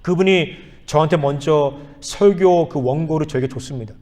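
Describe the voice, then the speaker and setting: A man in his fifties, a pastor, preaching a sermon, telling a story with soft asides and then earnest appeals. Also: a little high, moderate pace. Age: 50s. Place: church sanctuary. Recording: long church reverb.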